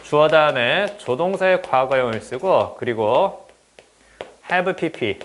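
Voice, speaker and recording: A man teaching an exam-prep English grammar lesson, often checking in with the class and reading English examples slowly. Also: on the high side, slight background noise. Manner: lively, repeats "그쵸?" to check understanding.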